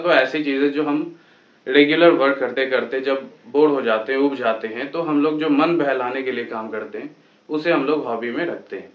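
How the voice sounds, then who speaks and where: A man in his twenties from Patna, India, teaching how to introduce yourself in English and slowing right down for each example sentence. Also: medium pitch, a bit bright, highs cut off. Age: 20s. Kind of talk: Hindi-language lesson on English phrases. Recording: echoey room with faint music.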